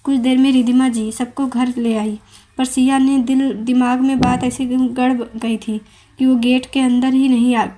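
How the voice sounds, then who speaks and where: A woman reads a serialized romance novel aloud in a steady, plain storytelling voice, tripping over the odd word. Her tone is dark and mellow, set a little high, with a flat, even melody. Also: a little slow. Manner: plain, steady read-aloud narration with small stumbles.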